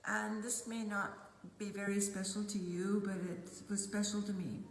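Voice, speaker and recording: A woman's voice: medium pitch, fairly even intonation, moderate pace. Earnest older woman, echoey room. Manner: earnest, emotional, repeats phrases. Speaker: ministry co-host. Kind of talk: casual faith testimony chat. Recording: echoey room with long reverb.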